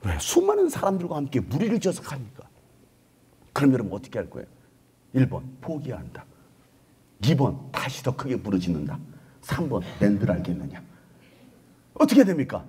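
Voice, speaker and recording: A male pastor preaching a revival sermon at a university chapel, animated and playful with the crowd, often breaking into shouts. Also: mid-range voice, normal speed, pauses often, slightly rough.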